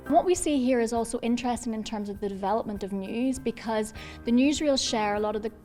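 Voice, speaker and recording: A woman speaking as a media expert, giving measured analysis in an interview. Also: medium pitch, warm tone.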